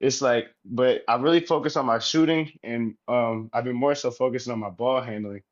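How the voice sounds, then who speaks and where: A man, a professional basketball player, talking casually as an interview guest, relaxed and rambling with many fillers. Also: mid-range voice, moderate pace, dull audio. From United States.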